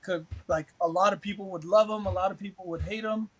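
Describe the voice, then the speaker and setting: A man's voice: sits high, fairly even intonation, quick pace, a crowd in the background. A man co-hosting a casual sports podcast, laid-back and rambling, swearing freely. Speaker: podcast co-host.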